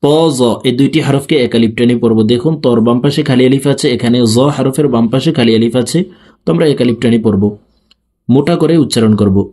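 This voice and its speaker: A man teaching letter pronunciation, explaining each sound slowly and then chanting it with long drawn-out vowels. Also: mid-range voice, mellow, husky. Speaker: Quran reading teacher.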